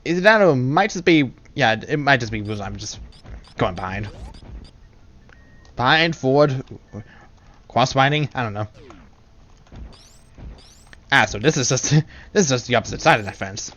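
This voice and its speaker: A man's voice: mid-range voice, animated, measured pace, long pauses, fairly bright tone. A man from England with an English accent, casually talking to himself in playful, rambling commentary while streaming a video game. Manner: rambling, playful self-talk with giggles. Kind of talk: casual live gameplay commentary.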